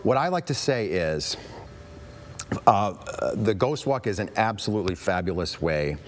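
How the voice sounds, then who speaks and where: An American man in a TV interview as a historian guest, speaking deliberately and drawing out words for emphasis. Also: on the low side, animated, slight background noise. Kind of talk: live TV interview.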